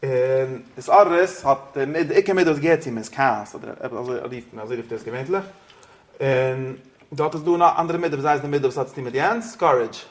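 A man's voice: medium pitch, moderate pace. A man teaching an interactive religious study class, questioning his students and slipping into English phrases.

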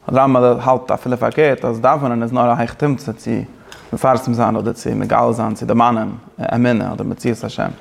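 A man teaching a Torah class, talking fast with many restarts and mixing in Hebrew and English phrases. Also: medium pitch, flat delivery, gravelly. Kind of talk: Talmud-style lecture.

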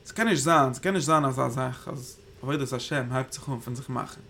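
Gravelly-voiced man teaching Torah in Yiddish. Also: medium pitch, a little fast, sharp tone, a little hiss or hum. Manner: rambling, thinking aloud, Hebrew terms woven in. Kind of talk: Yiddish Torah class on the Zohar.

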